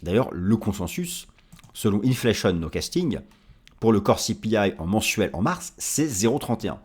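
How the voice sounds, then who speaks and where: A man delivers market commentary, talking straight to his viewers as he explains charts. His voice sits fairly low and moves up and down with lively emphasis. The tone has a slight husky grain. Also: normal speed. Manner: animated, explanatory, addresses viewers directly. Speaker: market analyst.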